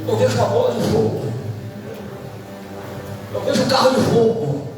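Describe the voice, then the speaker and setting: A fervent male preacher from Brazil, his voice pitched very high and climbing into shouts. He sounds far from the mic, inside a long, ringing hall, with music playing clearly underneath. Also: very animated, moderate pace. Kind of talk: sermon. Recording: echoey hall, distant mic, music behind.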